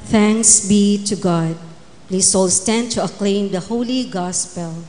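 A woman's voice: mid-range voice, slow pace, warm tone, faint music behind. A middle-aged woman making scripted Mass announcements and responses at a microphone in a chapel. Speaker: Mass commentator leading responses. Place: chapel, indoors. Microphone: handheld-type microphone on a stand. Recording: chapel reverb, faint noise.

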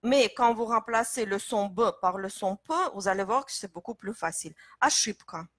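A woman's voice: medium pitch, moderate pace, fairly bright tone, dry recording. A woman teaching pronunciation in French, explaining step by step with many hesitations. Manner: explanatory, many fillers and restarts. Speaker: Russian teacher. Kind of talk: live-stream pronunciation lesson.

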